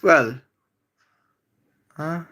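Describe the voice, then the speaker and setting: A video creator from Bangladesh, speaking English after Bengali, delivers a rambling, halting comedic roast full of hesitations. The voice is mid-range with a fairly bright tone.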